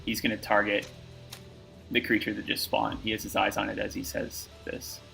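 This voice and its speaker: Gravelly male game master, rambling. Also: lowish voice, completely flat delivery, normal speed, bright, forceful tone, faint music behind, rough recording. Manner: loose, rambling, full of fillers and restarts. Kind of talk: narrating a tabletop game.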